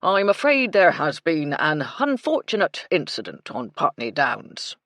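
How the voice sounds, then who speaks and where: A woman's voice: sits low, wildly swooping pitch, a little slow, a bit bright, no echo, exaggerated voice. A woman narrator voicing a pompous, officious male village constable in an audiobook.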